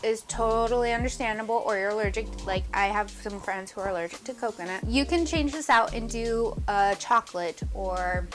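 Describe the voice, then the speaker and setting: A woman's voice: medium pitch, moderate pace, few pauses, over music. A woman hosting a casual cooking demonstration, chatty and upbeat, often speaking straight to her viewers with questions. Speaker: cooking show host.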